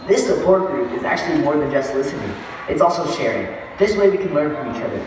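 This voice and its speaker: A man's voice: fairly high pitch, lively intonation, fast talker, natural voice. A young man playing an earnest, preachy support-group leader in an amateur stage skit. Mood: preachy, instructive. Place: large event tent stage, distant camera. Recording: echoey tent stage from far off, faint noise.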